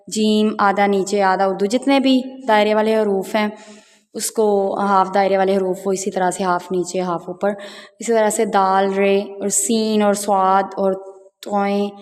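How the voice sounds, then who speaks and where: A woman teaching the Urdu alphabet, calmly naming each letter and its half forms one at a time. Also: medium pitch, big-room sound. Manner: patient, spells out letters one by one. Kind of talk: slow teaching walkthrough of letters.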